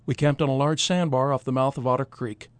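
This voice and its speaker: A man's voice: medium pitch, steady tone, a little fast, no echo, lightly acted. An actor playing an expedition captain of the early 1800s, reading out terse, matter-of-fact field notes from his journal. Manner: clipped observational field-note phrasing.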